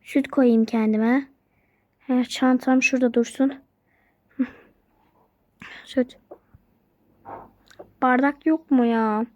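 A woman's voice: high-pitched, fairly even intonation, takes it slowly, long pauses. A young woman narrating a game role-play vlog in casual chat, rambling and repeating herself, and saying she is sick and coughing. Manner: rambling, repeats herself, chatty asides to viewers. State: says she is sick and coughing, voice sounds bad.

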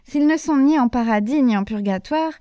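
A woman voicing a tall, solemn male angel who keeps a ledger, calm and matter-of-fact. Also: high-pitched, moderate pace, clean tone, no echo, studio quality, natural voice.

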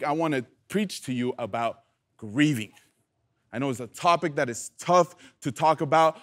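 A young man preaching a youth sermon, lively and playful, calling on the audience to answer back. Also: fairly high pitch. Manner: animated, playful, calls for audience response. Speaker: youth pastor.

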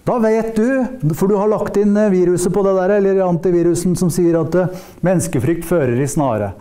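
A man from Norway teaching a Bible school class in a preaching style, often acting out little dialogues. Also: high-pitched. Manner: lively, mixes teaching with acted-out dialogues. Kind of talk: preaching lecture.

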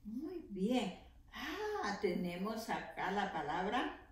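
A woman teacher leading an early reading lesson for young children, slowly sounding out letters and syllables. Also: medium pitch, sing-song. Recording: echoey room.

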